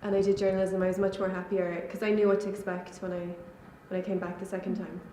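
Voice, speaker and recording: A young woman, a college student, answers interview questions casually and talks in a relaxed way full of fillers. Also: mid-range voice, fast talker, very noisy. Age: young adult. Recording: echoey room.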